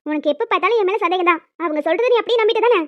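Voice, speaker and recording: In cartoon voice acting, a woman plays several emotional village women and a young daughter, fast and dramatic, scolding and tearful. Her voice is very high-pitched, and the dull, dry lo-fi recording has no echo.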